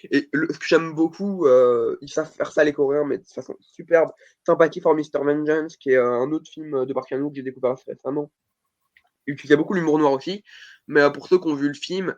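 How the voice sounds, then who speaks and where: A man's voice: a little high, highs cut off. A man hosting a casual film podcast, rambling with many fillers and jokes at his own expense. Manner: rambling, filler-heavy, self-deprecating. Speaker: podcast host.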